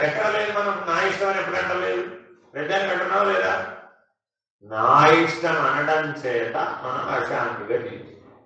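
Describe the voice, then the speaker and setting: Man, Telugu accent, coaxing spiritual teacher, bright voice, mic far off in an echoey hall. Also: fairly high pitch, creaky. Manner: asks the audience questions again and again, coaxing. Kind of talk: satsang discourse to an audience. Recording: roomy, distant, dull hall recording.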